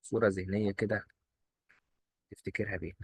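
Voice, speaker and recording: A man with an Egyptian Arabic accent teaching a German exam-prep lesson, quizzing and answering his own questions in quick drills. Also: on the low side, level tone, vocal fry, slightly rough, dry recording. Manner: coaxing, repeats rules in quick drills.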